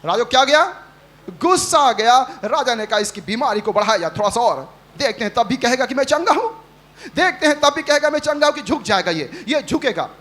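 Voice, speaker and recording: A man's voice: very high voice, lively intonation, a little fast, a bit bright. A male pastor preaching a Sunday sermon, leading the congregation in call-and-response and acting out the quotes he tells. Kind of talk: Hindi sermon. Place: church service.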